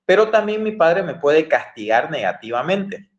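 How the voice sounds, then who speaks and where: Male lecturer, slightly high voice, roomy echo; patient explainer. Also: big pitch swings, normal speed, dull audio. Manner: explains with everyday examples, asks the class "¿no ve?". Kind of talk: classroom lecture. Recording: echoey room.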